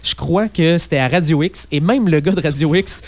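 A man with a Québécois French accent, co-hosting a political radio talk show in a chatty, animated way, full of fillers. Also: on the high side, moderate pace, dry recording.

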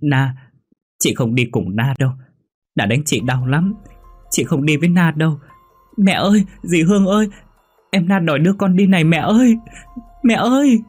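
A man's voice: on the high side, normal speed, long pauses, darkish tone, breathy edge, soft background music, voice pushed up. A man voicing a small frightened girl who cries and wails for her mother, in a horror story. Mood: crying. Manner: tearful, wailing.

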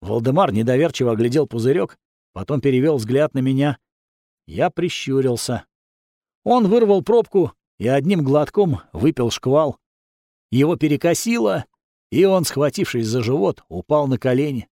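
A man's voice: mid-range voice, lively intonation, moderate pace, mellow, dry recording, clean studio sound. A man narrating a first-person fantasy audiobook in a wry, sardonic manner.

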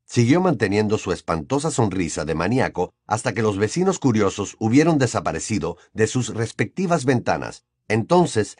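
Expressive male audiobook narrator. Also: lowish voice, dry recording, studio quality. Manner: expressive storytelling. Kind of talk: scripted narration.

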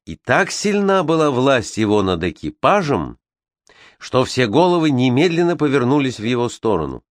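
A man reads a children's adventure book aloud. His telling is expressive, with a voice that moves widely in pitch. The sound is dry and close, with no room echo. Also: normal speed. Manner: expressive storytelling. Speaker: audiobook reader.

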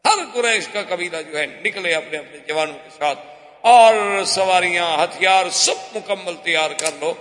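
A male preacher with a high, bright, forceful voice tells a story in a sermon. He acts out the cries and dialogue dramatically, and his voice rings with a long reverb in a hall. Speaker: Islamic preacher.

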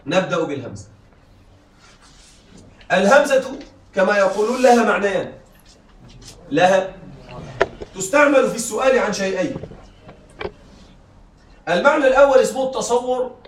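A man teaching a classroom lecture, often stopping to check that his students are following. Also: sits high. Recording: echoey room, mic far off, faint noise.

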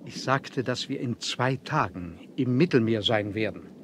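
An actor playing a self-assured submarine captain in a 1970s radio play, speaking in a formal, courteous, measured way. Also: male voice, medium pitch, lively intonation, noisy background, natural voice. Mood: composed, matter-of-fact.

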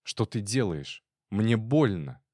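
A man's voice: fairly low pitch, slow, no echo, clean studio sound, voice pushed up. A man voicing a cold, defiant actress wife. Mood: pleading. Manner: cold, calm, then sharp.

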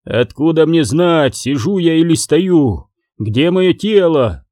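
Storybook villain-ish royal: man voicing a blustering dead elf king, animated and mellow. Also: fairly high pitch, slow, no echo, clean studio sound, voice pushed up. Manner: pompous, grumbling.

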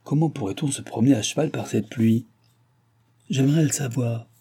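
A man's voice: medium pitch, moderate pace, warm tone, husky, pitched above the performer's own voice. A man reading an audiobook, voicing a spoiled, ill-tempered young lady of the house who scolds petulantly.

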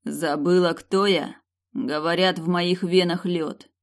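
A woman's voice: fairly low pitch, steady tone, takes it slowly. A woman voicing a cold, menacing male mercenary in an audiobook, with clipped speech. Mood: mocking. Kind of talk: audiobook character reading.

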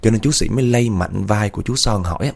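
A man's voice: on the low side, quick pace, gravelly, darkish tone, slightly rough. A man telling a ghost story in a chatty way, talking straight to his listeners and acting out the scary parts. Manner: chatty, addresses listeners directly, acts out scares. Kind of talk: spoken ghost story narration.

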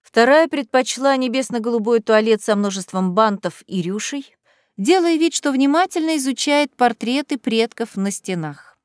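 A woman reads a first-person audiobook in an even, calm storytelling manner. Her voice sits fairly high. The recording is dry, with no room around it. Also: moderate pace, clear, resonant tone, no echo. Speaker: audiobook narrator.

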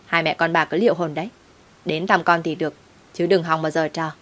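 A woman doing a loud brawling young woman. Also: sits low, fairly even intonation, fairly quick. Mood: aggressive. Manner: shouting, aggressive.

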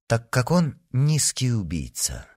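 A man voicing a cool-headed, ruthless swordsman who speaks quietly and coldly. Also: medium pitch, huge pitch swings, slow pace, heavily acted. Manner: quiet, cold and level.

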